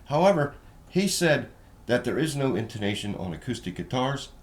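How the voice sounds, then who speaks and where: With a mid-range voice marked by big pitch swings, a man talks at a moderate pace through a casual, hands-on guitar review. He explains each inspection check step by step, plainspoken and folksy.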